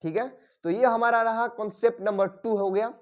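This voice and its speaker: ऊँची आवाज़ वाले हिंदी शिक्षक. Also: male voice, sits high, fairly even intonation, lo-fi sound. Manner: repeats "ठीक है" often, dictates rules slowly. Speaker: English grammar teacher. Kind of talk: classroom-style grammar lesson.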